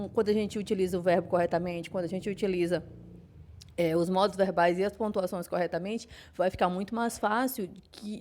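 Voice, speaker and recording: A woman's voice: medium pitch, darkish tone. A woman with a Brazilian Portuguese accent teaching a class, explaining patiently with frequent fillers and restarts. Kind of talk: online class lecture.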